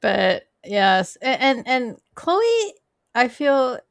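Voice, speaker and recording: A woman with a fairly high voice hosts a casual podcast chat. She laughs often and talks eagerly. The sound is dry and close to the mic. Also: sing-song, drawn-out words, creaky, no echo. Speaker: podcast host.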